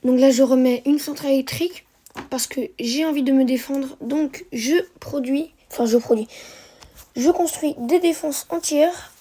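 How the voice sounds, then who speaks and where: Woman, high mellow voice, walking viewers through a strategy match with lots of "uh"s and restarts. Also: normal speed. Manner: hesitant, many fillers and self-corrections. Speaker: gameplay commentator. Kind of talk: narrated strategy game replay commentary.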